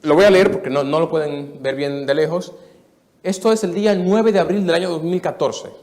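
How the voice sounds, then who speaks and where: Fairly high-pitched and fairly quick, this Dominican preacher in his thirties recounts his testimony in a sermon to a live church audience. He tells it earnestly, moving between softness and emphasis.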